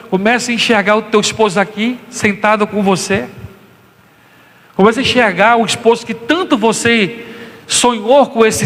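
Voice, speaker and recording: A Brazilian man preaching a sermon as pastor, impassioned and swinging into high, acted quotes. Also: a bit bright, big-room sound.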